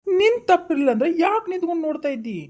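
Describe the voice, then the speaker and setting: A woman's voice: very high voice, sing-song, racing, darkish tone. A woman playing a vengeful female spirit, accusing, taunting and wailing. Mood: demanding. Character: vengeful female spirit possessing someone, demanding truth.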